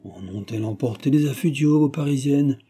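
A man's voice: mid-range voice, fairly quick, mellow, breathy edge, pitched above the performer's own voice. A man voicing a blunt working-class shop boy, out of breath, in a storybook reading. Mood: grumbling.

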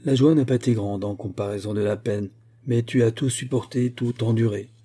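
A man's voice: medium pitch, steady tone, a little fast, dark tone, breathy edge, lightly acted. A male audiobook reader voicing a weary aging father who speaks in a somber, brooding way.

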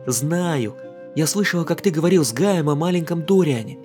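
A playful young woman who teases and mocks warmly, as a male narrator puts her on. The voice sits well above his own and jumps around brightly in a storybook reading. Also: fairly high pitch, animated, normal speed, soft background music, pitched above the performer's own voice, lightly acted. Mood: teasing. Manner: playful, mocking, warm. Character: lively teasing young English woman.

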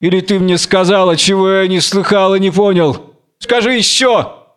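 A man's voice: high-pitched, moderate pace, fairly bright tone, clean tone, pitched above the performer's own voice. A man reading aloud as a blind, raging biblical strongman, with wild, taunting, exalted declamation. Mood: furious. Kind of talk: theatrical audiobook reading.

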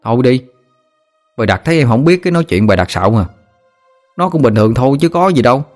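A man's voice: mid-range voice, lively intonation, quick pace, soft background music, voice pushed up, close to an everyday voice. A man with a Southern Vietnamese accent voicing a young village boy who pouts, whines and boasts. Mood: boastful. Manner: pouting, whiny, cocky.

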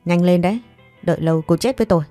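A woman's voice: lowish voice, very fast, dark tone, faint music behind, natural voice. A woman voicing a harsh, scolding elderly mother-in-law who talks down with contempt.

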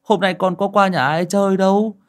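A man's voice: sits high, steady tone, moderate pace, pitched above the performer's own voice, close to an everyday voice. A man voicing a frightened village boy who stammers and talks timidly in a horror audiobook.

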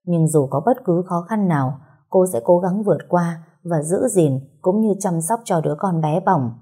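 A woman reading a story aloud in a calm, steady, gently sad way. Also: on the low side, moderate pace, husky. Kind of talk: scripted story narration.

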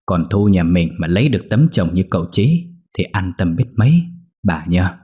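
A man's voice: low-pitched, lively intonation, moderate pace, warm tone, husky. A man voicing a jovial older village man who teases a young guest in a folksy way. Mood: teasing. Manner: teasing, folksy.

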